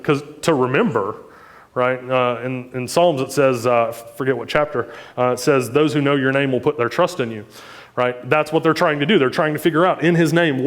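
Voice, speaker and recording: A man's voice: medium pitch, big-room sound. A man preaching a sermon in a conversational way, with joking asides and frequent questions to the congregation. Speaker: pastor.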